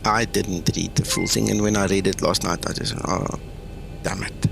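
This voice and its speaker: Afrikaans-accented man, gravelly voice. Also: deep voice, little pitch movement, a little fast, music in the background. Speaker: flight sim streamer, host. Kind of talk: casual livestream chat.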